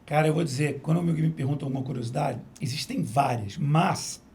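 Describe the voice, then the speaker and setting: Man, high and gravelly, fast animated storyteller, interview guest. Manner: animated storyteller, acts out voices in quotes. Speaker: events venue executive. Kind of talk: interview anecdotes.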